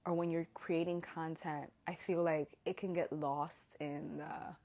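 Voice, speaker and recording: A woman's voice: low-pitched, little pitch movement, unhurried, mellow. A woman in her thirties hosting a live stream, talking earnestly and sometimes dropping to a whisper while holding back tears. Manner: heartfelt, earnest, drops to whispers when moved. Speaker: host of an Instagram Live. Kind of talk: emotional casual live stream talk.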